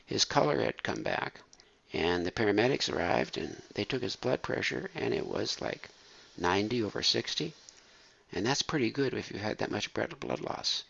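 A man telling a true story in an unhurried, animated, folksy way. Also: fairly low pitch, vocal fry, breathy edge. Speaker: storyteller recounting a true case. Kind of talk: spoken storytelling. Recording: dull lo-fi recording.

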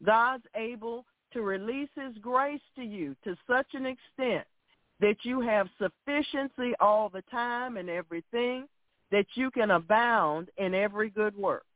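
A man delivers an exhorting sermon in a notably high voice. He takes his time, stressing and repeating phrases as he admonishes his listeners. The sound is thin and narrow, like a phone line. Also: no room sound. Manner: emphatic, deliberate, repeats phrases. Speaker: preacher. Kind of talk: sermon with scripture readings.

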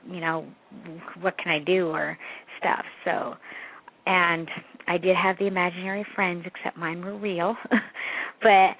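A woman in her forties from Canada, a psychic medium guest on a radio interview, talking in a rambling way, repeating words and laughing often. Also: on the low side. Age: 40s. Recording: tinny phone line.

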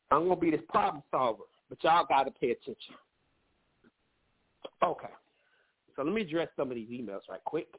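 A slightly high, husky male voice belongs to a call-in radio host dishing out loose, profane advice about relationships. He's a bit nasal and wheezy with allergies, heard over a lo-fi line that resembles a phone.

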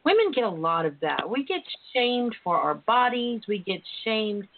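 A woman's voice: sing-song, normal speed. A woman hosting a casual, irreverent talk show, with a sassy, theatrical, freely cursing manner. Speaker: host of a relationship talk show. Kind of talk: casual, irreverent radio chat. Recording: muffled low-bandwidth internet radio line.

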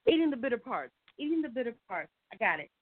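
A woman's voice: fairly high pitch, sing-song, fast talker, breathy edge, no room sound. A woman calling into a radio show over a phone line, cheerful and giggly. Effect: call-in voice over a phone line.

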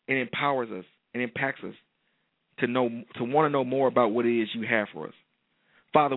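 A man's voice: mid-range voice, dry recording, narrow, tinny audio. A man giving motivational, preacher-like speech, emphatic and repeating his phrases like a refrain. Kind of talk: motivational speech turning into prayer.

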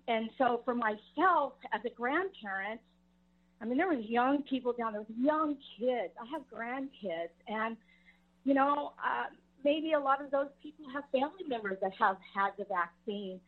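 A woman's voice: on the high side, a little slow. Grandmother calling in over a tinny phone. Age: older. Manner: earnest, rambling, restarts often. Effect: heard over the phone. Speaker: caller. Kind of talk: call-in radio chat.

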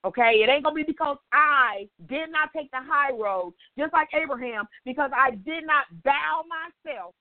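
An older woman leading an informal Bible study, a chatty, animated storyteller who acts out dialogue and keeps checking in with her listeners. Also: high voice, moderate pace, hardly any pauses, no echo. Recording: tinny phone-line audio, dry.

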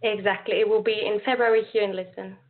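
On a phone-like call, a young Austrian-accented woman, an event organizer appearing as a guest, takes part in a casual interview. She is friendly and earnest, using some fillers and restarts, and speaks at a medium pitch with fairly even intonation and a quick pace.

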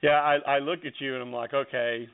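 A man's voice: mid-range voice, level tone, fairly quick, smooth. A man hosting a radio interview in an upbeat, hyping manner. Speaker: radio show host. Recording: phone-like narrow sound.

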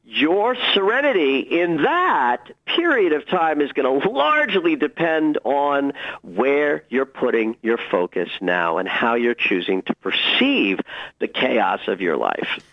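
A man appears as a guest astrologer in a conversational radio interview, explaining things in an animated, emphatic way with expressive phrasing. His voice is medium-pitched and slow, and the sound is lo-fi.

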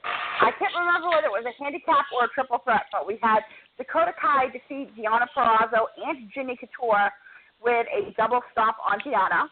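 Woman podcast co-host with a slightly high voice, casual and chatty, recorded over thin phone-quality audio. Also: brisk, a little hiss or hum. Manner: chatty storyteller, rattles off match results.

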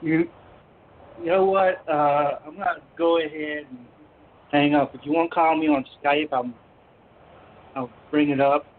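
A man's voice: a little high, fairly even intonation, a little slow, pauses often. A man calling in on a cell phone, his voice hollow and distant as if inside a well, chatting casually and laughing at his own remarks. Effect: hollow, distant cell phone sound, as if inside a well. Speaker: call-in co-host. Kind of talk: casual chat. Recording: tinny phone line from far off.

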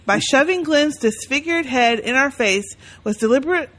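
A woman's voice: high voice, lively intonation, moderate pace, fairly bright tone. A woman co-hosting a podcast, chatting and reading listener emails aloud in a blunt, sarcastic way, swearing freely. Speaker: podcast co-host.

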